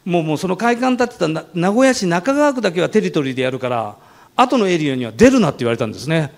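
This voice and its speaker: A man who founded a funeral company, telling a story about his business in a lively way, often laughing and acting out the voices of others. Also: high-pitched, fast, vocal fry. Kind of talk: animated storytelling talk.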